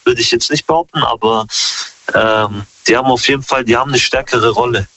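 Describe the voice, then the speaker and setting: A man in his thirties chatting casually in an interview, relaxed and slangy with many fillers. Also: mid-range voice, a little fast, no echo, low-quality recording. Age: 30s.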